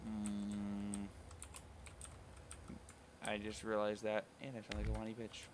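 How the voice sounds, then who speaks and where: Low-voiced man musing over gameplay. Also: monotone, fast talker, background noise. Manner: rambling, self-correcting, musing aloud. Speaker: streamer. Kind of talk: casual gameplay commentary.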